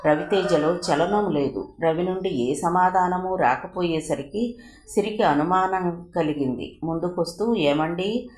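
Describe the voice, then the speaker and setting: Low-voiced woman reading a novel. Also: measured pace, darkish tone. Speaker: audiobook narrator. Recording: echoey room with faint noise.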